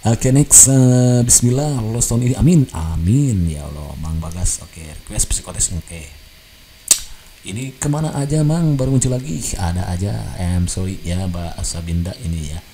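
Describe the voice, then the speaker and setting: Low, dark-voiced man reading comments. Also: lively intonation, normal speed. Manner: chatty, laughs often, mixes in English phrases. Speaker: channel host reading viewer comments. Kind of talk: casual chat reading comments. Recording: faint background noise.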